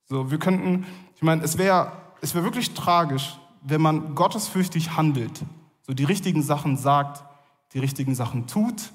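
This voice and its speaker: A man preaching in an easygoing, talky way, stopping now and then with fillers as he works through his point. His voice sits a little higher than most men's. The hall around him rings with a long reverb. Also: moderate pace. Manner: casual, conversational preaching with many fillers. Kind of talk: sermon.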